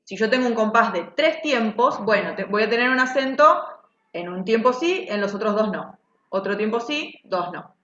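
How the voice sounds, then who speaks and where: A woman's voice: on the high side, expressive, moderate pace, fairly bright tone. Woman explaining rhythm, echoey lo-fi. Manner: patient, explanatory, asks "¿sí?" often. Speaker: music teacher. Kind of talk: online class explanation. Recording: echoey, dull lo-fi sound.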